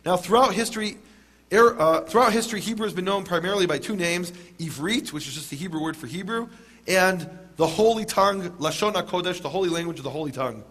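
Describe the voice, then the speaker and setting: A man with a rather high voice lectures a live audience on scripture. He mixes dry jokes into the teaching and slows right down on the words that matter most. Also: a bit bright. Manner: wry, dry humor, emphatic on key words.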